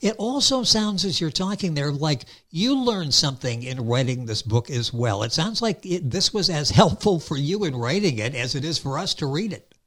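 A man's voice: fairly high pitch, animated, moderate pace, hardly any pauses, a bit bright. An American man hosting an interview in a conversational style, affirming his guest with wordy lead-ins to questions. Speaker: interview host.

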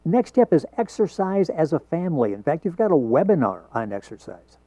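A man hosts a radio talk show, leading his guest through tips in a friendly way, and sounds as if taped off the radio. His voice is a little high, very animated and fairly quick, with a dark tone. The broadcast recording is dull and dry.

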